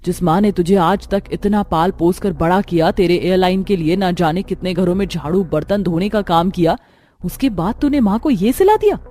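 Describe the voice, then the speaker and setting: A woman's voice: mid-range voice, warm tone, lightly acted. A woman voicing a poor, hardworking young daughter in a cartoon story who cares for her mother. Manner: caring but firm, scolding when angered.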